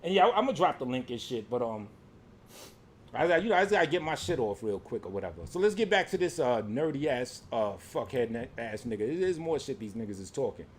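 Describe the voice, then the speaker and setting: A rapper ranting at his critics, swearing heavily and swinging from shouting to low muttering. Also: big pitch swings, fairly quick. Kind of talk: profane angry rant.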